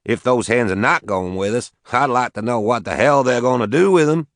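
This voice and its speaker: A man's voice: mid-range voice, fairly quick, no room sound, clean studio sound, voice pushed up, close to an everyday voice. A male narrator voicing a blunt, crude farmer from the rural American South, with a Southern accent, curse words and all. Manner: crude, blunt, folksy cursing.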